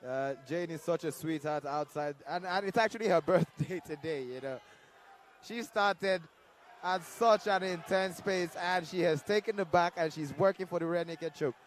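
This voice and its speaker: A man's voice: on the high side, moderate pace. A man giving casual live fight analysis as a colour commentator, chatty and conversational. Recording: clear venue noise behind.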